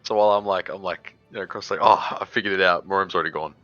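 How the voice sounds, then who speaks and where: A man's voice: sits low, fairly even intonation, rapid-fire, bright, forceful tone, no echo, faint music behind. An Australian man chatting casually as a player in a tabletop game, over a dull, dry voice-chat recording.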